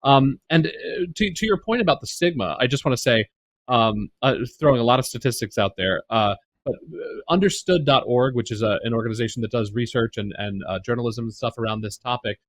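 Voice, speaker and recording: An American man appears as a podcast guest and neurodiversity advocate, speaking earnestly about the workplace in a casual interview. His medium-pitched voice is expressive and fairly quick, full of fillers and restarts. The recording is dry.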